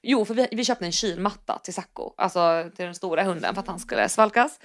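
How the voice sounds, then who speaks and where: A Swedish woman co-hosting a podcast, talking casually, swearing freely and acting out the lines of people she quotes. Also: on the low side. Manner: chatty, swears casually, acts out quoted dialogue. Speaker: podcast co-host. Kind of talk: casual chat.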